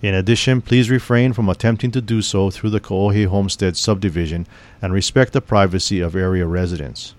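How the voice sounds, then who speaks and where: A man reading a scripted civil defense information broadcast in a formal, measured, grave manner. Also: low voice, fairly even intonation, darkish tone.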